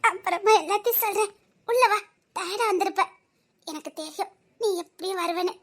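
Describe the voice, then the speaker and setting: A woman's voice: extremely high pitch, brisk, fairly bright tone. An actress playing a grieving young woman talking with her friend, with an emotional, tearful delivery. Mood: hushed. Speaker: actress in a family drama. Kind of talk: melodramatic dialogue scene.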